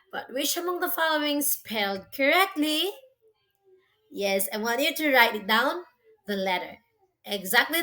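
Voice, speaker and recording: Woman, school spelling teacher, slow dictation, crisp bright tone, higher-pitched, encouraging. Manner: slow, deliberate delivery, spelling words out letter by letter; encouraging, praising the listener. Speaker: teacher giving a spelling quiz. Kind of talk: slow school dictation quiz, questions and answers.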